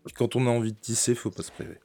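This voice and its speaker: Playful French podcast host, middle pitch. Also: male voice, steady tone, racing, noisy background. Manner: playful, grandiose introductions. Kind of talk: casual podcast chat.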